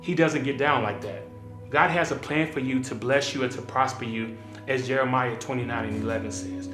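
A man in his thirties, a pastor, giving a relaxed, conversational devotional talk to camera from a small indoor studio, with plenty of ums and uhs. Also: mid-range voice. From Kansas City area. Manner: relaxed, conversational, filler-heavy. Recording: roomy sound with soft music behind.

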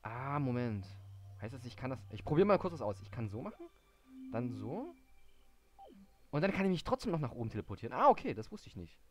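A man doing live game commentary, muttering in confusion, reading in-game hints aloud and breaking into sudden excited outbursts. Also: medium pitch, brisk. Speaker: let's play gamer.

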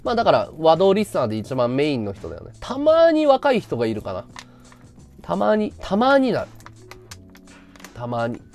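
Ranting male streamer, wildly swinging pitch. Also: wildly swooping pitch, normal speed, long pauses, soft background music. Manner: blunt and ranting, swinging from loud outbursts to mutters. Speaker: live streamer. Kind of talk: casual live-stream chat.

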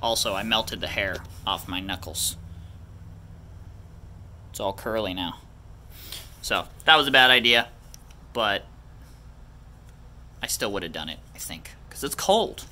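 A man's voice: lowish voice, lively intonation, unhurried, pauses often, sharp tone, a little hiss or hum. A young man chatting casually through a farm DIY vlog, joking and explaining as he works. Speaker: farm vlogger. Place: outdoor farm yard and workshop.

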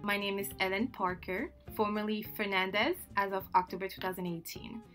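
Faint music plays behind a woman from Senegal, whose first language is French, as she introduces her solo podcast. Her medium-pitched voice is a bit bright and fairly quick, with fairly even intonation, and she stays chatty and upbeat, laughing between phrases.

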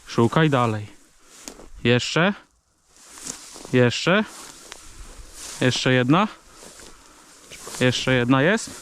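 A man's voice: mid-range voice, slight background noise. A man out hunting, calling short clipped commands to his dogs in the open fields. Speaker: hunter working his dogs. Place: outdoors in rural fields.

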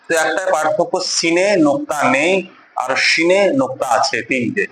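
A man's voice: a little high, normal speed, echoey room, over a noisy crowd, low-quality recording. A man teaching beginners the Arabic letters in a class, patiently repeating each letter and drawing out the sounds. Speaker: Quran reading teacher. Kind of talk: beginner Arabic alphabet lesson.

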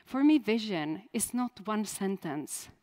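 A woman's voice: medium pitch, lively intonation, a little slow, darkish tone. A woman in her thirties, a native Czech speaker, giving a conference keynote in a direct style and putting questions to the audience. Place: conference stage.

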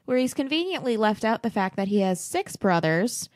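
A woman's voice: mid-range voice, big pitch swings, normal speed, no echo. Young woman podcast co-host, blunt and sarcastic, swears a lot, dry close recording. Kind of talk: casual film-discussion podcast chat.

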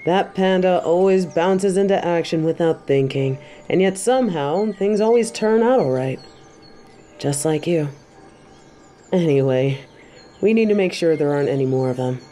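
A woman's voice: on the low side, expressive, normal speed, mellow, slight background noise, natural voice. A woman voicing a stern, confident tiger kung fu master in an audio roleplay, with a wry, commanding, matter-of-fact manner. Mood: teasing, approving. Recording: clear ambient sound effects behind voice.

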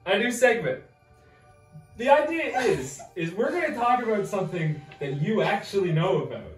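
A man's voice: sits high, big pitch swings, moderate pace, distant mic. A man hosting a goofy comedy podcast, teasing his co-host and hamming up mock-dramatic bits. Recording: roomy sound from off the mic, music behind.

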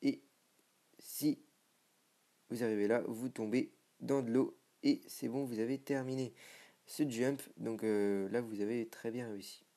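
A man's voice: medium pitch, steady tone, measured pace, warm tone. A young man giving a casual, self-mocking commentary as he tours a game server, with many hesitations. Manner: chatty, self-mocking, lots of filler hesitations. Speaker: gaming video creator.

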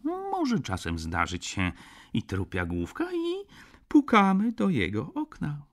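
A man's voice: medium pitch, sing-song, normal speed, a bit bright, pitched above the performer's own voice. A man reading an audiobook, voicing a smug young male student who speaks with sweet, mocking politeness. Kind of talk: audiobook character voice.

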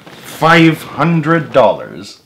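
A young adult man reads a children's book aloud in a living room, narrating expressively and tossing in casual asides while a camera sits a short distance away. His voice is a little high and creaky, his pace extremely slow, with slight background noise.

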